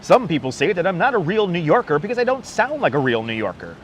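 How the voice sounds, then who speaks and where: Out on a city street, a Brooklyn man hosts a live stream, talking fast in a sing-song voice that sits a little high, with a faint New York accent. He rambles casually and calls out viewers by name. His wireless clip-on mic picks up soft traffic and street noise in the background.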